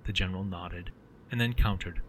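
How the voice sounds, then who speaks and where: A man narrating his own story in a steady, measured reading. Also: sits low, slight background noise, rough recording. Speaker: author and narrator.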